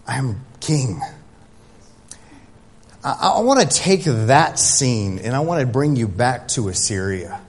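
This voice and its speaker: A man's voice: mid-range voice, very animated, normal speed, hardly any pauses. A man preaching a sermon as pastor, speaking emphatically to his congregation. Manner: building from quiet prayer to loud, emphatic preaching. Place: church sanctuary. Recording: long hall reverb.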